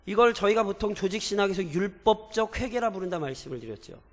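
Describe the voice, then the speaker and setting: A man's voice: high voice, animated, fast, long reverb tail. A man preaching as pastor in a church, earnest, asking his listeners questions and stressing key words. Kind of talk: sermon. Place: church sanctuary.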